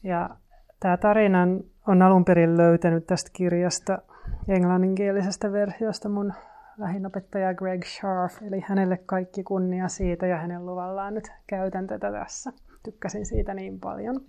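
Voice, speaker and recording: A woman meditation teacher giving a calm dharma talk and reading a story aloud. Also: medium pitch, creaky.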